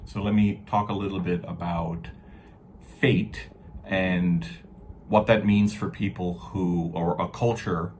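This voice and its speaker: A man giving an informal explanatory lecture, talking haltingly with self-corrections and stressing key words. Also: sits low, steady tone, darkish tone, slight background noise. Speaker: lecturer on Norse mythology. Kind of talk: informal explanatory lecture with read-aloud verse.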